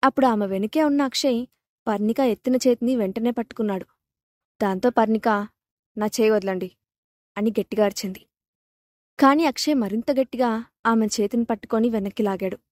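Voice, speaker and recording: A woman's voice: on the high side, a little fast, no room sound. A woman narrating a serialized audio story, reading every character's lines in her own voice.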